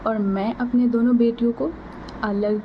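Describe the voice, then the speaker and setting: A young woman talks through her vlog in a relaxed, chatty way, explaining each step as she goes. Her delivery is slow and unhurried, and her voice sits a little high. A faint hiss runs under the recording. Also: lo-fi sound. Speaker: vlogger mother. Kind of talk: casual vlog narration.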